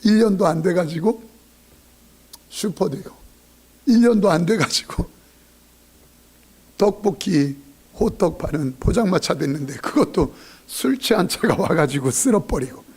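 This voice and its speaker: His voice sits high and slightly rough, and he delivers at a measured pace with long pauses. A male pastor, he preaches a lively, joking, emphatic sermon full of acted-out quotes of what people say.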